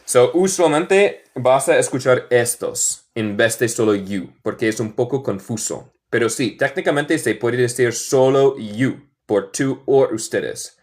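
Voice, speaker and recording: A young American man teaching English in Spanish on a live stream, patient and encouraging, modeling words slowly. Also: mid-range voice, a little mellow. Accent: American, speaking Spanish as a learner. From northern United States. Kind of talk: live-streamed language class.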